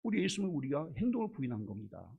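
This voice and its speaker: Korean-style church pastor, man, fervent sermon, rough husky tone, fairly high, animated pitch. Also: rapid-fire, narrow, tinny audio. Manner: impassioned preaching with rhetorical questions, swinging from loud to hushed.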